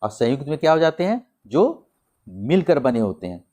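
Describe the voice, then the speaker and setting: A male teacher with a Hindi accent giving an exam-prep grammar lesson, putting questions to the class and answering them himself, spelling out sounds slowly and repeating them. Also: fairly high pitch, sing-song, dark tone.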